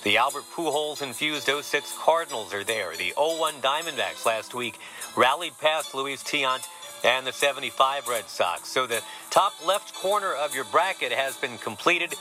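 A man's voice: mid-range voice, animated, normal speed, pushed and bright, poor audio. A man hosting a sports podcast, with a wry, joking delivery. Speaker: podcast host. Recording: music playing behind the voice.

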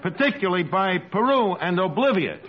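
An actor playing a brash, pompous tavern manager in a 1950s radio comedy, orating combatively. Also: male voice, high voice, sing-song, normal speed, heavy background noise. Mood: pompous debating. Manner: mock-oratorical, combative. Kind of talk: 1950s radio sitcom acting. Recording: muffled old radio recording with studio audience.

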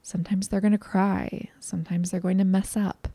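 Gravelly-voiced woman giving parenting advice. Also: medium pitch, level tone, normal speed, dark tone, no room sound. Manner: earnest, conversational, candid. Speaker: parenting educator. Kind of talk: talk to parents.

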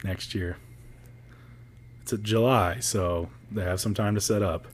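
Low-voiced man, joking casual podcast host. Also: fairly even intonation, unhurried, a little hiss or hum. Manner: loose, joking, profane. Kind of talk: casual chat.

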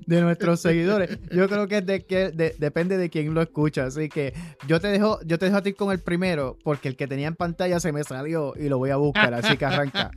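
A man with a fairly high voice co-hosts a casual podcast. He tells jokes with animated energy and laughs along at them, with faint music in the background. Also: brisk, hardly any pauses. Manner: animated storyteller, laughs at his own jokes. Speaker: podcast co-host. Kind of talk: casual chat, telling jokes.

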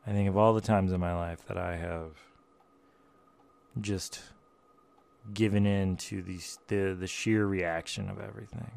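A man hosting a podcast, speaking as a gentle, soothing meditation guide in soft, reflective monologue with pauses. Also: low voice, fairly even intonation, creaky. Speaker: podcast host.

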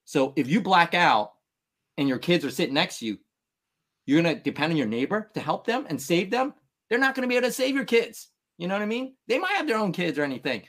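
This Vietnamese-born man in his thirties speaks with a somewhat high, slightly bright voice. As a podcast guest in a candid interview, he sounds earnest, emphatic and motivational.

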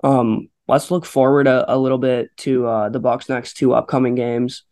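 A man's voice: medium pitch, little pitch movement, moderate pace, a little mellow. A man co-hosting a sports podcast, talking casually with many fillers and restarts. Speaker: podcast co-host.

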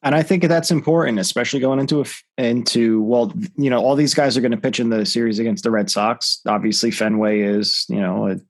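A man co-hosting a sports podcast, talking in an animated, exasperated way as his voice jumps up when he gets worked up. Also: medium pitch, a little fast, few pauses. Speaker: podcast co-host. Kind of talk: casual sports podcast chat.

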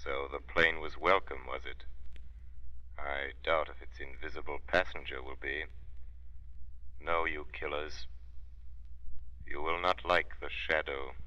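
An invisible avenger of vintage radio drama, with a low and intensely sharp voice. He speaks deliberately and theatrically, commanding and full of mocking menace. The recording is old and muffled. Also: fairly even intonation, clean tone, full character voice. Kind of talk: 1940s radio acting.

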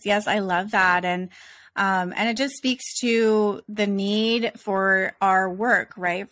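A woman's voice: mid-range voice, a bit bright, dry recording. A woman hosting an interview, asking questions in an encouraging way with frequent fillers. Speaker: interviewer host.

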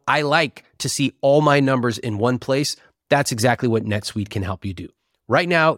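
A man reading a fast legal disclaimer at the end of a sponsor read, rapidly and flatly reciting fine print. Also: medium pitch, no room sound, studio quality. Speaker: podcast host and financial coach.

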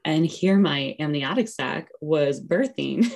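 A woman's voice: deep voice, lively intonation, takes it slowly, vocal fry, a little mellow. A woman casually telling a personal story as an interview guest, full of "like" and "you know" and quoting what she said back then. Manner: acts out her own past remarks in quotes.

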